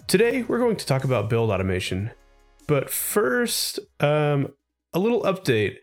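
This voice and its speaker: A man co-hosts a casual tech podcast in a slightly high, sing-song voice at normal speed, with soft music in the background. He sounds a little congested, as if from a cold, and keeps things informal, often asking questions.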